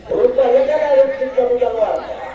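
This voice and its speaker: A man giving a lively, humorous sermon at a school religious gathering, telling stories and speaking straight to his listeners. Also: extremely high pitch, moderate pace, a crowd in the background, background noise. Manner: jokey, storytelling, addresses the audience directly. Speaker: Islamic preacher. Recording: echoey room, distant mic, dull lo-fi.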